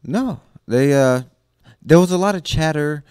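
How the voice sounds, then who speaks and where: A man co-hosting casual comedic banter, halting and full of fillers and chuckles, into a handheld microphone. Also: fairly high pitch, expressive, a little mellow, smooth, no echo, studio quality. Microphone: handheld microphone with switch.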